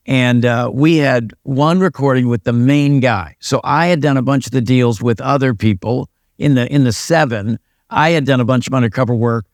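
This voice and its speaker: A man's voice: mid-range voice, no room sound, studio quality. An older American man, a retired police sergeant and pastor, telling stories in a casual interview with a wry, self-deprecating manner. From United States.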